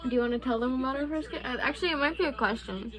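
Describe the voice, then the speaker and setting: A woman's voice: high voice, rapid-fire, fairly bright tone, poor audio. A young adult woman hosting a casual couple's Q&A vlog, chatting candidly with loose, profane phrasing. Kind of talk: casual chat.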